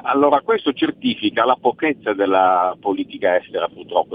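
A man calling a radio phone-in to give his opinion, indignant and halting, often repeating words. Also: on the low side. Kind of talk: spontaneous opinion on politics. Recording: noisy narrow phone line.

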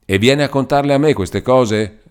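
A man voicing an irritable middle-aged clerk who shouts in agitation. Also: mid-range voice, normal speed, pitched above the performer's own voice, close to an everyday voice. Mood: angry.

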